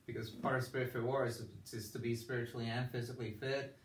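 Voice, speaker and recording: A man's voice: mid-range voice, little pitch movement, fast, far from the mic. Male interviewer in an echoey, noisy room. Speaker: interviewer, host of a faith and fitness video channel. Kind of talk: casual interview for online video. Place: indoors at a clinic.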